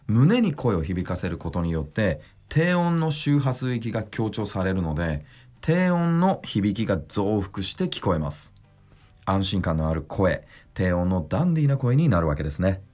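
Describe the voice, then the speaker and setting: A male voice coach explains vocal resonance on his podcast, keeping his voice low and consciously chest-resonant. His delivery rises and falls expressively as he teaches and demonstrates sounds for listeners. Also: sing-song, a little mellow. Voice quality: deliberately deep chest resonance. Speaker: voice trainer. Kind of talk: podcast voice lesson.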